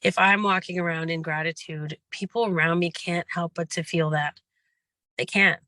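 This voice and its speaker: Bright, hoarse-edged workshop coach. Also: mid-range voice, steady tone, moderate pace, no echo. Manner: rambling, earnest and encouraging. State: losing their voice, hoarse. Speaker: gratitude workshop leader and life coach. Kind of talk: casual spoken workshop lesson.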